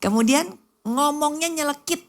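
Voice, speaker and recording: A woman pastor preaching an animated sermon, often calling out to the women in the congregation and acting out little scenes of everyday chatter. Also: high voice, moderate pace.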